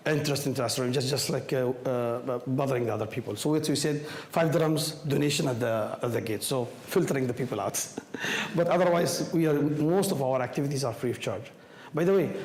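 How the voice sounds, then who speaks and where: A man with a hoarse, worn-out voice from a cold, speaking non-native English haltingly as he takes questions in a public talk. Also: medium pitch, darkish tone. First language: not English. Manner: halting, repeats words and phrases. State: hoarse from a cold, voice nearly gone. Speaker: speaker from an astronomy group taking audience questions. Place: indoor room with audience. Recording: echoey room, some background noise.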